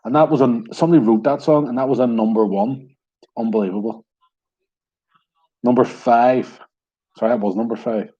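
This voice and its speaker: A man's voice: medium pitch, fairly even intonation, moderate pace, pauses often, mellow, slightly rough, dull audio. A man hosting an online pub quiz in a wry, self-deprecating way.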